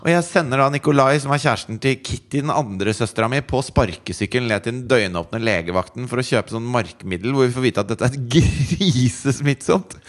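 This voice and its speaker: A man in his thirties telling a story in casual chat, animated and laughing, acting out quotes. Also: medium pitch, hardly any pauses.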